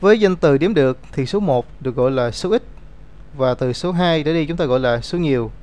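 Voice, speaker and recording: A man's voice: fairly high pitch, lively intonation, brisk, a little mellow. A man teaching an English grammar lesson, explaining rules step by step and reading out example words.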